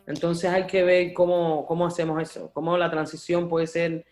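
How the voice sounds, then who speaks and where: A man's voice: a little high, little pitch movement, moderate pace, darkish tone, faint music behind. Impassioned man, searching for words. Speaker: guest artist and activist. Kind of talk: radio interview talk.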